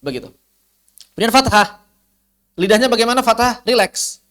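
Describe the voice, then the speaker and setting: A man teaching a recitation lesson online, patiently explaining and demonstrating sounds by repeating drawn-out syllables, often asking and answering his own questions. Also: very high voice, fairly bright tone. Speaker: tajwid teacher.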